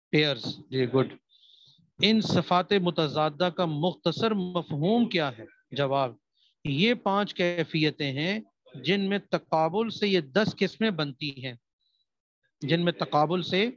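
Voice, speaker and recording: A man's voice: fairly high pitch, fairly bright tone, no echo. A man teaching a recitation class, asking his students questions, repeating them and answering them himself. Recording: dry, slightly dull sound.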